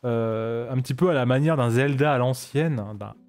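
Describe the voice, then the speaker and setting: A man's voice: medium pitch, moderate pace, darkish tone, soft background music. A man giving casual, joking commentary while playing a game on stream, chatty with frequent restarts. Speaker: let's play streamer.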